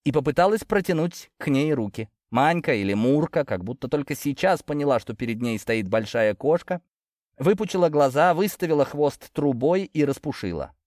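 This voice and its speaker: A man narrating a fantasy story in a lively, expressive reading. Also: a little high, normal speed, no echo, studio quality. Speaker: audiobook narrator.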